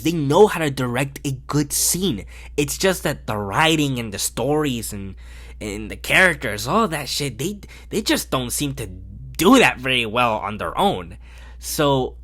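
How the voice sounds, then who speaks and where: A man reviewing a film in a loose, casual way, blunt and openly exasperated. His pitch swings widely as he talks, and he swears without a second thought. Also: sing-song, measured pace, a bit bright.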